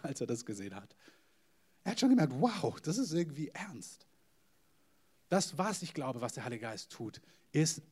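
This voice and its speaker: A man preaching a sermon to a congregation, emphatic, with sudden loud stresses and hushed, whispered asides. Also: mid-range voice. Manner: addresses the congregation directly.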